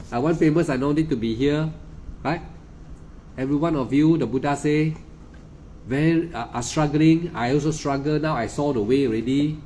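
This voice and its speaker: A man's voice: medium pitch, darkish tone, slight background noise. A man with a Malaysian English accent giving an emphatic, repetitive dharma talk as a meditation teacher, often stammering and restarting. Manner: insistent, lecturing.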